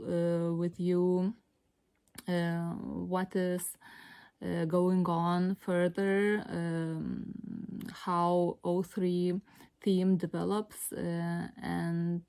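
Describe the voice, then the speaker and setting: A woman from Lithuania with a Lithuanian accent, talking unscripted to viewers as a vlog host, hesitant and often pausing to search for words. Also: fairly low pitch, level tone, a little mellow, clear, resonant tone. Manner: hesitant, halting, with long searching pauses. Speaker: video host. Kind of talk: unscripted explanatory vlog talk.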